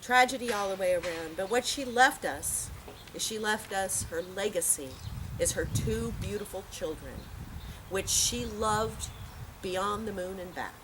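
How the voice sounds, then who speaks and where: Speaking in a mid-range voice at a measured pace, a woman shares stories in a heartfelt, plain-spoken eulogy to a memorial gathering. It's outdoors in a park, with noisy ambience around her.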